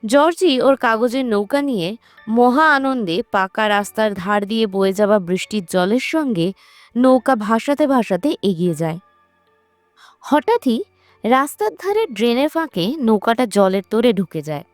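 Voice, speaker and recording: Narrating for a movie recap channel, a woman voices a scripted horror film recap in a storytelling style over background music. She sounds a little high and animated, speaking at a moderate pace with no echo.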